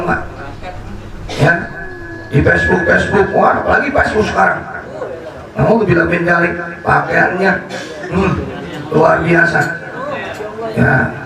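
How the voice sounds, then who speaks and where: A man preacher giving a sermon, telling stories with humorous asides. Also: high-pitched. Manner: animated storytelling with humorous asides. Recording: echoey hall from far off with crowd.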